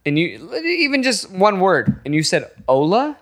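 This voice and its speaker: A man in casual chat, an animated storyteller who likes to mimic voices and repeats his points emphatically. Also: high voice, normal speed.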